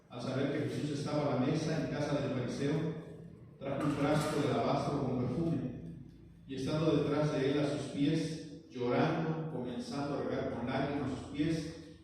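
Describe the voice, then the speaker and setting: A man preaching to his congregation in a church, with a mellow, dark tone. He reads scripture slowly and keeps asking the people questions. His voice carries from a distance through a long, echoing hall with faint room noise behind. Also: on the high side. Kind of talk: sermon. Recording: echoey church hall, mic far off.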